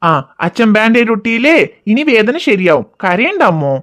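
A woman voicing a patient cartoon father who calms and reasons with small children. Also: on the high side, normal speed. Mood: soothing. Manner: soothing, reasoning, calm. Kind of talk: cartoon voice acting.

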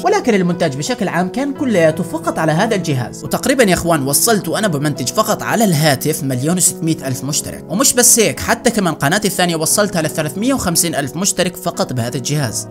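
A young man speaking with a Jordanian Arabic accent, chatting quickly and playfully as he answers viewers' questions. His voice sits slightly high for a man, and he tumbles through lines at a brisk pace. Soft music runs faintly in the background. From Jordan, Iraqi family. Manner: excitable, joking, chatty. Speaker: gaming YouTuber. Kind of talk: casual Q&A with fans.

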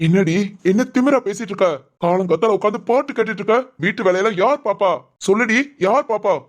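A quick-tempered husband from a family cartoon, voiced by a performer. He scolds his wife with one demanding question after another. His pitch stays in the middle and he talks fast. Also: lightly acted. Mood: angry. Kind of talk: animated family cartoon dub.

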